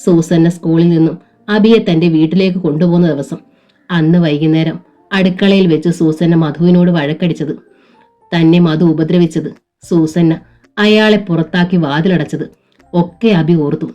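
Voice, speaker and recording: A woman narrating a serialized novel in a steady, emotive storytelling manner. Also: on the low side, moderate pace. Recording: dull lo-fi with faint music.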